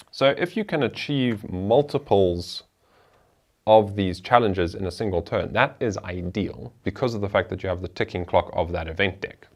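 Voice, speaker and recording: A man with a fairly low-pitched voice hosts a board game show, chatting his way through the rules and every move of a solo playthrough.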